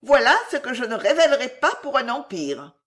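A woman's voice: high-pitched, very animated, moderate pace, pitched above the performer's own voice. A woman voicing a flustered, hesitant middle-aged lady in an audiobook. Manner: hesitant, stammering. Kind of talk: audiobook character reading.

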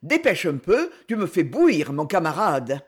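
A man's voice: on the high side, wildly swooping pitch, normal speed, slightly rough, heavily acted. A man voicing a fearful, grumbling old male chiseler, exasperated in a storybook reading.

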